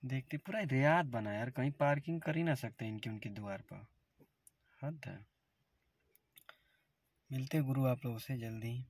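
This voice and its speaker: A man's voice: mid-range voice, normal speed, long pauses. A man telling a long casual vlog story, chatting to viewers and retelling a quarrel with friends over parking. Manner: chatty, retells quarrels by acting out quoted voices. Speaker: vlogger. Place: in a car and at his room.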